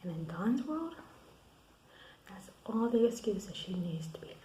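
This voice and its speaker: A woman's voice: mid-range voice, sing-song, unhurried. Woman, video diary, frustrated venting with swearing, half-whispered, echoey room, faint hiss. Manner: drops to a hushed, half-whispered voice. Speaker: vlogger. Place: her room at night.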